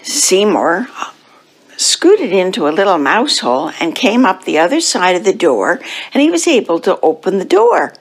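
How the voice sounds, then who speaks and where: A woman at a church service reading a children's picture book aloud, with slow, expressive storytelling. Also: medium pitch, low-quality recording.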